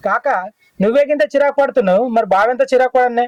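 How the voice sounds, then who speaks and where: A man's voice: extremely high pitch, fast talker, a little mellow, no room sound, dull audio. A man playing a prodding nephew in a village comedy. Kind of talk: scripted village comedy acting.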